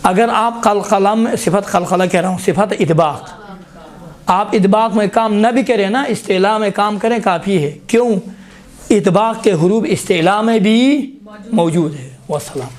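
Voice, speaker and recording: A man teaching a Quran recitation lesson in a classroom, explaining how letters are formed and repeatedly sounding them out as examples. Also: sits high. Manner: repeatedly demonstrates letter sounds aloud, prompting "look".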